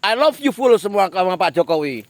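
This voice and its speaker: In a dry recording, a high, sing-song, creaky-voiced man talks fairly quickly through a political monologue. He addresses a politician head-on and hammers his points by repeating phrases.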